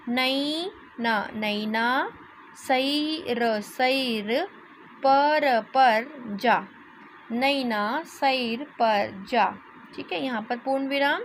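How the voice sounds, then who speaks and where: A woman teaching young children to read, sounding out each word syllable by syllable before blending it, then explaining in quick asides. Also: high-pitched, a bit bright, a little hiss or hum, rough recording. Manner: reads words syllable by syllable, slow and deliberate, then explains quickly. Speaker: primary school teacher. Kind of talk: reading lesson for young children.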